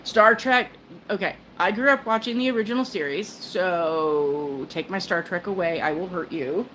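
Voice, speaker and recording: An older woman hosts a casual livestream chat on her phone, rambling and interrupting herself with lots of fillers, restarts and little laughs. Her voice is on the low side and a bit bright, at a moderate pace. The audio is poor with slight background noise.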